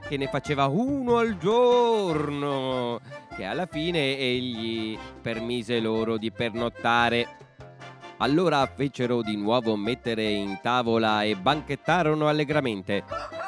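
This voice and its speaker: A man narrating a traditional fairy tale for a bedtime podcast in an expressive storytelling manner. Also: medium pitch.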